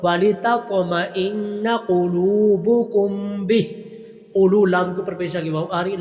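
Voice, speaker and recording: High-voiced man teaching recitation. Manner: recites slowly and drawn out, explains rules quickly and softly. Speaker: Quran teacher. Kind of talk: recitation lesson, slow chanted verses and quick explanations. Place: online class recording. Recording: long reverb with faint music.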